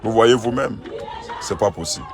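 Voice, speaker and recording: A man's voice: fairly low pitch, moderate pace, noisy background. A man, a pastor talking outside his church among a crowd, exclaiming and repeating himself in disbelief. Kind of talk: phone video to followers, then addressing a crowd.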